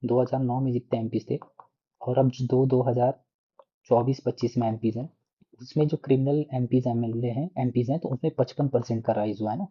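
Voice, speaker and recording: A man's voice: medium pitch, fairly even intonation, brisk, slightly rough, highs cut off. A man teaching an exam prep lesson in a casual explanatory way, often tagging sentences with "na" and restarting words. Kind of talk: explanatory lecture.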